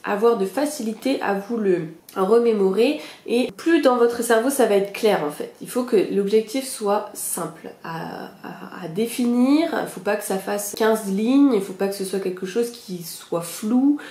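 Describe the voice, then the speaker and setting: A woman's voice: medium pitch, unhurried, warm tone. Young woman doing a chatty podcast lesson, lots of fillers, checks in with listeners, echoey room. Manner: chatty, many fillers, self-mocking laughs; addresses listeners directly, reassuring. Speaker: podcast host teaching goal-setting. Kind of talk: casual spoken lesson.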